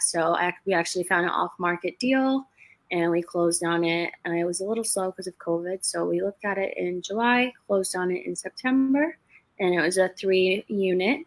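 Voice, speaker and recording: A woman's voice: on the low side, fairly bright tone. A woman in her twenties, a guest on a livestreamed interview, telling her stories in a chatty, easygoing way. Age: 20s. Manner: chatty storyteller, laughs between stories. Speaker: guest, real estate investor. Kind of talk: casual interview over a livestream.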